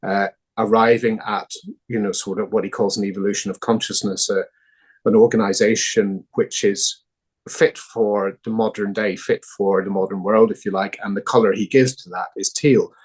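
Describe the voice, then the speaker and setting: A man's voice: lowish voice, steady tone, normal speed, slightly rough. A man with a Northern Irish accent, a founding director answering interview questions thoughtfully, with hesitant fillers. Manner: thoughtful, many fillers and restarts.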